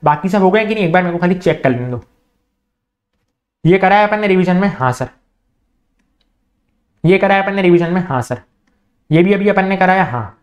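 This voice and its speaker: A man teaching an online exam revision class in with a flavour, firing off questions and answering them himself in a hushed student voice, and slowing down to spell out key terms. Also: sits high, expressive.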